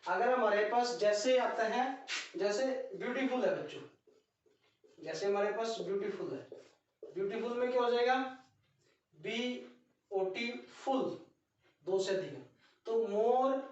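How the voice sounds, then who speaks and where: Male grammar teacher who spells words out letter by letter and talks to the class as children. Heard from a distance in a booming, echoey classroom. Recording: very echoey, distant, dull lo-fi sound.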